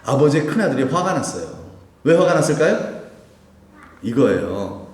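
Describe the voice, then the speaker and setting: In a church sanctuary with long, echoing reverb, a pastor delivers a Sunday sermon. His voice is mid-range, with big swings in pitch at a moderate pace, and he poses questions to the congregation as he preaches.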